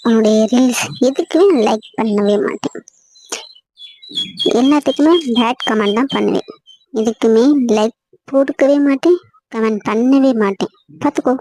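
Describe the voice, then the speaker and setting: A woman's voice: a little high, dark tone, no echo. A young woman acting a hurt wife arguing with her husband on a phone call. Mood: playful, soft. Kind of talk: acted phone-call drama.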